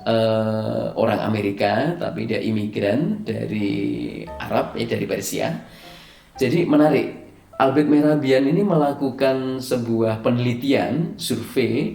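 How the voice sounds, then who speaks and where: A man with a mid-range, darkish voice gives a recorded slide lecture on presentation skills. He explains with hesitant fillers and stresses key words, in an echoey room with faint music underneath.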